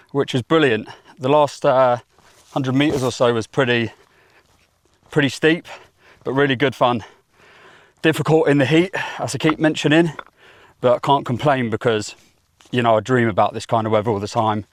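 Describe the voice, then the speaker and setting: A young man vlogs to camera while hiking up a mountain, chatting in a blunt, self-mocking way and swearing casually. His mid-range voice moves at a normal speed with long pauses, and the recording is dry and rough.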